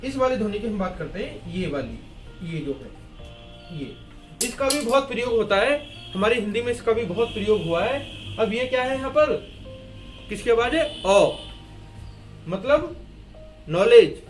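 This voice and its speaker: High-voiced man teaching Hindi grammar. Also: lively intonation, moderate pace, pauses often, soft background music. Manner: asks and answers his own questions, repeating key words; writes and erases on a board while explaining. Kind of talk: classroom-style grammar lesson at a board.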